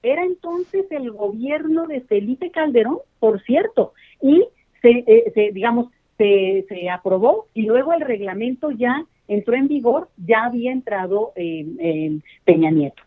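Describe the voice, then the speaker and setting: A woman's voice: fairly high pitch, expressive, measured pace. A woman speaking as an expert guest in a phone-in interview, emphatic and explanatory, talking straight to the listeners. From Mexico. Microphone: telephone. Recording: tinny phone line.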